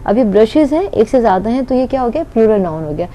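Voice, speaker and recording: A woman's voice: on the high side, sing-song, fast, warm tone, a little hiss or hum. A woman teaching an online grammar lesson, patiently explaining and answering her own questions.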